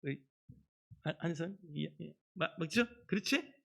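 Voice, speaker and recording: A middle-aged man preaching a children's Sunday sermon as pastor, in an animated storytelling manner. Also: on the high side, a little slow, vocal fry. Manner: animated storytelling, acts out quoted voices. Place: church sanctuary.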